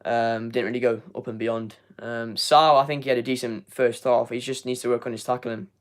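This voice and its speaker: A young fan channel host, talking a little fast in a medium-pitched, fairly even voice, runs a live match review while reading the chat. He's going hoarse and rambles, repeating words and using many fillers.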